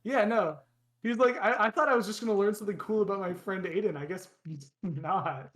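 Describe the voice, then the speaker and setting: In a high voice and at a fairly quick pace, a young man co-hosting a casual podcast spins animated, rambling stories. He keeps restarting and using fillers.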